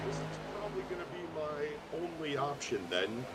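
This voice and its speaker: A man's voice: a little high, expressive, moderate pace, over loud music. A man organizing a race event and speaking over a faint, distant microphone that sounds like he is talking from inside a cave. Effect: muffled, distant mic that sounds like talking from a cave. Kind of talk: casual live stream commentary.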